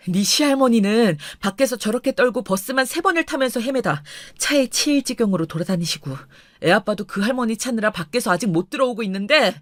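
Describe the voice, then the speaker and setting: A woman voicing a furious young husband who speaks in a low, firm, clipped way. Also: no room sound, studio quality, close to an everyday voice.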